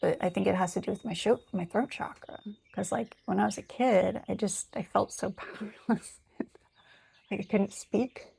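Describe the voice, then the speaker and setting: A woman with a gravelly, husky voice talks in a loose, rambling way, half reading from notes and half musing out loud. She is frank and unfiltered, tossing in fillers and the odd curse word. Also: mid-range voice, normal speed. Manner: candid, rambling, swears freely; thinks aloud with many fillers. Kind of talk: casual spiritual monologue, reading notes aloud.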